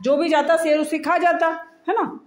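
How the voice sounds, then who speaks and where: A woman telling a fable to a child, gently explaining and asking the child questions along the way. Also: very high-pitched, steady tone, unhurried. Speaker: storyteller to a child. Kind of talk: storytelling to a child. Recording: roomy echoey room.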